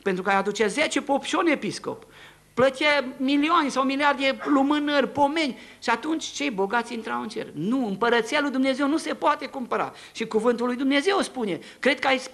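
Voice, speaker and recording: In a church, a man with a very high voice preaches a testimony sermon, telling his story with animated shifts between hushed tones and shouts.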